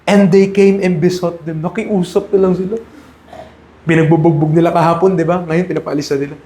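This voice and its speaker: A man's voice: fairly high pitch, steady tone, a little fast, warm tone. A male evangelist preaching a sermon to his congregation, emphatic and full of rhetorical questions to his listeners. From Philippines. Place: church hall. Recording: echoey church room.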